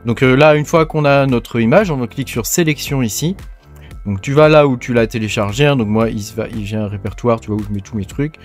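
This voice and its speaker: A man's voice: medium pitch, brisk, soft background music. Chatty French man explaining a tutorial. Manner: chatty, informal, many fillers and "hein". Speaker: tech tutorial host. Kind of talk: casual screen-recorded tutorial.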